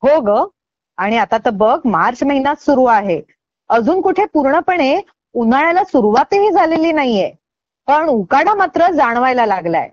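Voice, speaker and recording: A woman's voice: high-pitched, expressive, normal speed, no echo, dull audio. A woman radio co-host chatting casually and agreeably. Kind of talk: casual chat.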